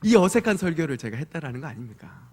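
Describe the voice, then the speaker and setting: A male pastor in his thirties giving an evening church sermon, telling animated stories and acting out voices of his children. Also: fairly high pitch, fast talker. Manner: animated storytelling with acted voices of his kids. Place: church sanctuary. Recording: long church hall reverb.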